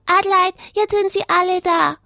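Doktor Schnuckel, a woman doing a squeaky childlike rabbit. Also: normal speed, creaky, no echo, studio quality, heavily acted. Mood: eager. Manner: eager, excitable, chattering like a small child. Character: childlike cheerful male rabbit puppet, carrot-loving. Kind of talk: children's radio puppet act.

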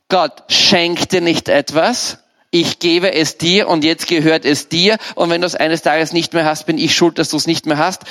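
A male preacher, delivering a sermon in a fairly high voice. He talks to his listeners one to one, conversational and direct, as if across a table. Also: a bit bright.

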